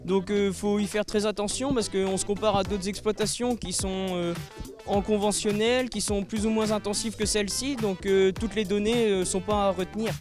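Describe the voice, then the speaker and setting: A man's voice: high voice, fairly even intonation, normal speed, over music. A man in his twenties from Normandy who studies agriculture, talking in a casual testimonial with many hesitations. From Normandy, France. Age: 20s. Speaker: agriculture student.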